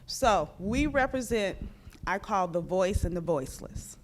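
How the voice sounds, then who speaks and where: A woman's voice: mid-range voice, expressive, a little slow, a little hiss or hum. Plainspoken woman judge addressing a crowd. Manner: plainspoken, direct, addresses the audience. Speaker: judge and former public defender. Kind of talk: explaining law to a community audience. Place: community meeting room.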